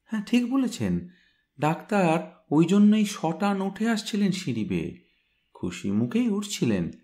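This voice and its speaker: A man reading a story aloud, voicing a smart young woman who briskly recounts a crime scene. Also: high voice, wildly swooping pitch, dark tone, voice pushed up, heavily acted. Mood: animated, brisk.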